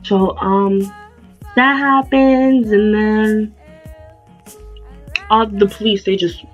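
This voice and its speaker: Young woman telling a lively storytime. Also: medium pitch, very slow. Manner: animated, casual, profane storytelling. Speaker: vlogger. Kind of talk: storytime vlog. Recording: dull lo-fi sound with faint music.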